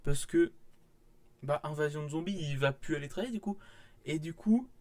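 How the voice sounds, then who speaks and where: A man's voice: a little high, normal speed, dark tone. A young man, casually rambling through a manga haul vlog with many fillers and restarts. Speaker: manga vlogger.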